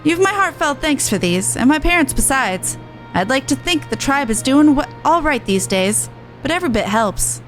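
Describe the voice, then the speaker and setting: Reading game dialogue, a woman brings an earnest young tribeswoman to life, a dutiful resistance veteran, using a high, expressive voice and animated delivery. She sounds friendly and grateful at a normal speed, and the low-quality recording carries music behind her.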